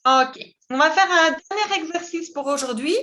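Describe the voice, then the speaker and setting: A woman teaching an online French class, explaining in Spanish and repeating each word slowly for pronunciation. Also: sits high, pushed and bright. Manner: slow, careful, repeats words for pronunciation; switches between Spanish explanations and French examples.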